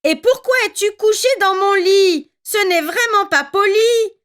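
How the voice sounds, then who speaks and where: A woman voicing a tiny baby bear cub who whines in a very high, slow voice. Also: a bit bright. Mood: indignant.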